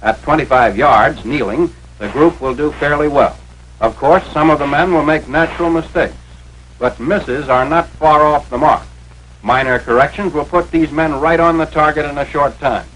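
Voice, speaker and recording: This fairly high, fairly bright male voice moves at a moderate pace, delivering instructional 1940s military training film narration with authority. He's American, and his phrasing is formal and clipped. It comes from a noisy vintage 1940s film soundtrack.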